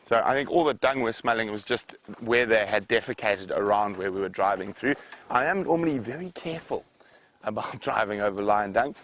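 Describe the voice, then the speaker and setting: Fairly low in pitch yet a bit bright, this man's voice is brisk as he hosts a live game drive on the savanna. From his open vehicle, amid noisy outdoor sound, he explains wildlife to viewers casually and without a script.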